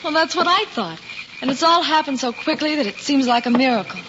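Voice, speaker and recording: An actress playing a hopeful, affectionate young fiancée in an old radio drama, earnest and insistent. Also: female voice, high voice, expressive, fairly quick. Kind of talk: mid-century radio drama acting. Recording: muffled old broadcast, background noise.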